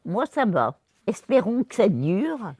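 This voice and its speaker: Slow lively woman over a hundred. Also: medium pitch, breathy edge, no room sound, clean studio sound. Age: 100s. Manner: chuckling, easygoing, unhurried. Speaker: care home resident interviewed by a child. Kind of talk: casual interview answers.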